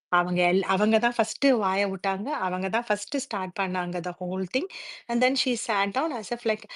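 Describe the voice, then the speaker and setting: A woman's voice: mid-range voice, fairly bright tone, no room sound. A woman giving an emphatic, opinionated review of a reality show in a live audio chat, switching languages mid-sentence.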